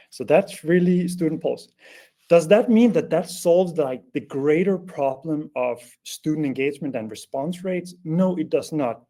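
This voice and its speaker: A man's voice: a little high, warm tone. A man hosting an online webinar in a casual presenting style, often restarting his sentences and leaning on fillers. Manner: hesitant, many restarts and fillers. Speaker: webinar host.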